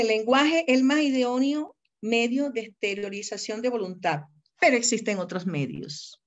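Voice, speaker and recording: A woman's voice: mid-range voice, dull audio. A woman with a Colombian accent giving a live university law lecture, emphatic and digressive, calling on students by name and spelling words out.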